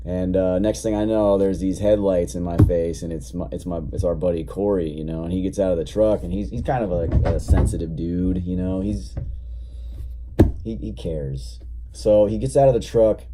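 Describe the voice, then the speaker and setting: Low, dark-voiced young man rambling profanely. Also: fairly even intonation, moderate pace, soft background music. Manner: rambling, profane, laid-back storytelling. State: recovering from illness, coughing. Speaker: vlogger. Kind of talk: casual storytelling vlog.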